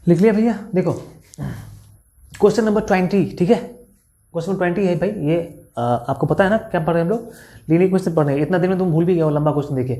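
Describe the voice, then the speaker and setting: Tired, soft-spoken Indian maths tutor, mellow. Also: male voice, high-pitched. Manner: chatty, teasing, talks straight to students, reads problem text aloud slowly. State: tired, speaking softly after a full day of recording. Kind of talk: casual classroom explanation while writing on a board.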